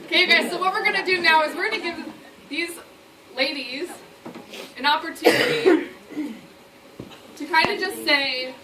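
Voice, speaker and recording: A woman presenting to a live audience at a sales event, energetic and rallying, checking in with "okay?" again and again. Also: high-pitched. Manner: energetic, rallying the crowd, keeps asking "okay?". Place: indoor meeting room with an audience. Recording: echoey room, distant mic, noisy.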